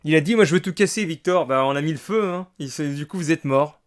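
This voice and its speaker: A man giving casual, excitable commentary on a game, reading the game text aloud, swearing and slipping into English. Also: fairly high pitch, fast. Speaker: let's play gamer.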